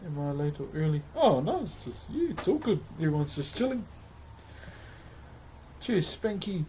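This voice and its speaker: A man's voice: a little high, big pitch swings, moderate pace, dark tone. A man with a broad New Zealand accent chatting casually with livestream viewers as host, in a laid-back, matey way. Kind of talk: casual livestream chat while carving. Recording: clearly noisy background ambience.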